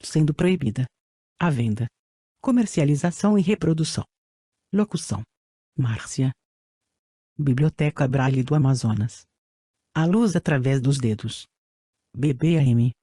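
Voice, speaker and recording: A man's voice: medium pitch, unhurried, pauses often, slightly rough, dry recording, studio quality. A synthesized text-to-speech man's voice with a Brazilian accent, reading scripted reference material in a mechanical audiobook manner. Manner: mechanical, flat screen-reader delivery that reads punctuation aloud. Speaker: audiobook narrator.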